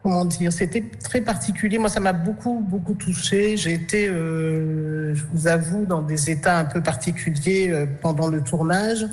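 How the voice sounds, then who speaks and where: A woman, an artist and actress, answering interview questions hesitantly, with many fillers and restarts and soft laughs between thoughts. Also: on the low side, normal speed, hardly any pauses.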